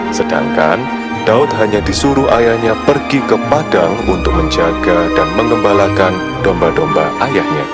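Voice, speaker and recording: A man reading a scripted Bible story for children as a storyteller. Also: sits low. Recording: loud background music under narration.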